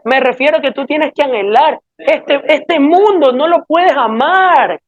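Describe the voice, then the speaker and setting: A woman's voice: sits high, measured pace, no room sound. A woman preaching a sermon in an earnest, pleading way, often asking the listeners rhetorical questions. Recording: dull lo-fi dry sound.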